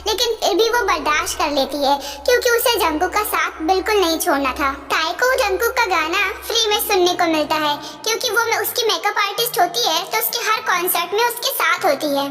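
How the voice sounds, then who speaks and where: A woman narrating a fan story in a plain, even way. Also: extremely high pitch, fairly quick, hardly any pauses. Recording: soft music behind.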